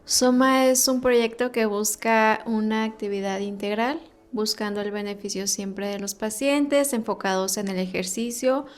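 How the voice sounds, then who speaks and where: A woman's voice: mid-range voice, fairly even intonation, unhurried, few pauses. Woman explaining as guest. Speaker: guest, health professional. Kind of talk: explaining in an interview.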